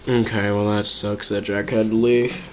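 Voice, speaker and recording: A man's voice: on the low side, flat delivery, moderate pace, slight background noise. A man casually chatting to his viewers while live-streaming a video game, reacting to the action as he plays.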